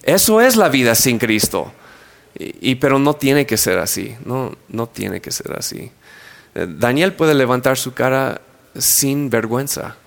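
A man's voice: mid-range voice, very animated, a little slow, vocal fry. A man preaching a sermon, retelling a story with playful asides and acted-out scenes. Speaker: pastor.

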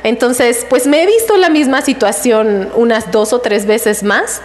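A woman's voice: fairly high pitch, a little slow. A middle-aged woman giving a casual devotional talk about a personal story, laughing often as she tells it.

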